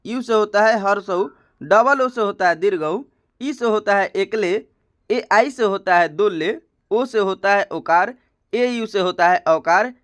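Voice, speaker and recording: A man explains a lesson slowly and patiently, repeating each point and checking in with his viewers. His voice sits high and sounds smooth and clear. The recording is dry and close to the mic. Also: fairly bright tone, dry recording. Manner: patient, repetitive, addresses viewers as friends. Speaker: teacher.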